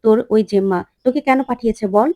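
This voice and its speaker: A woman's voice: fairly high pitch, fast talker, warm tone, no echo, studio quality, close to an everyday voice. A woman reading the lines of a tough young woman archer in a retold TV serial, blunt and challenging.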